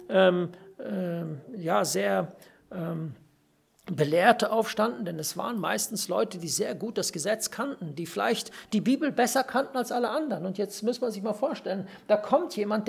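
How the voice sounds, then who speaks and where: A preacher giving an earnest sermon, stressing key phrases through repetition and pausing now and then to search for words. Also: mid-range voice, vocal fry, slightly rough. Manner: pauses to search for words with fillers. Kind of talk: sermon on a Bible passage.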